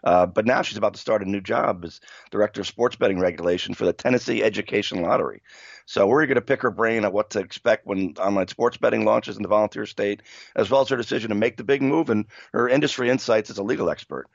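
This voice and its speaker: A man with a hoarse frog voice, chatting casually as a podcast co-host. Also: lowish voice, fast talker, no room sound, highs cut off. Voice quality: froggy, hoarse croaky voice. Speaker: podcast co-host, senior analyst.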